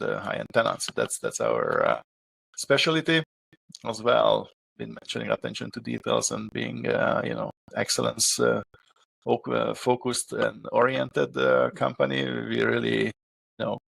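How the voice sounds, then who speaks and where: A middle-aged man from Hungary with a Hungarian accent, answering interview questions as a property manager, with halting speech and many filler pauses. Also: on the low side, creaky, fairly bright tone, husky, dry recording.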